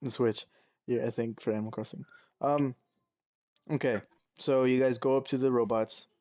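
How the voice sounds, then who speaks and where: A man runs a tabletop game for his friends, narrating in an easygoing, unpolished way. His pitch sits in the middle and he fills his pauses with ums and uhs. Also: no echo, clean studio sound. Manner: relaxed, loose narration full of ums. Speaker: game master.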